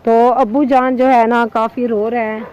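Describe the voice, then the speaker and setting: A woman speaks in a soothing, pleading voice on a casual vlog filmed on a handheld camera at a village home. Her pitch sits a little high for a woman, and there is a faint noise behind her. She addresses her viewers with earnest, heartfelt emotion. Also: flat delivery, moderate pace, darkish tone, highs cut off. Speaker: village life vlogger.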